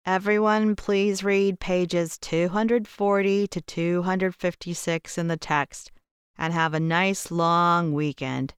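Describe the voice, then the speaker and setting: A woman voicing a relaxed male teacher calling out slowly to his class. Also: on the low side, smooth, no echo, studio quality. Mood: friendly. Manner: calls out slowly over noise.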